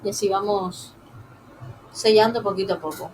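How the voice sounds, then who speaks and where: A woman narrates a live drawing class at an easy pace, speaking directly to her viewers. Her voice sits in an ordinary middle pitch and often drops quietly as she concentrates. A faint hiss of room noise sits behind her. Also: low-quality recording. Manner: soft, unhurried, talks while drawing. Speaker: drawing teacher. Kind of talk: live-streamed drawing lesson.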